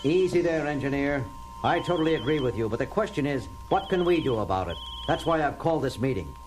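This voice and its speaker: An actor playing a confident, commanding starship captain in a 1970s audio drama. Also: male voice, medium pitch, expressive, brisk, lightly acted, poor audio. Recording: vintage 1970s record, loud music behind.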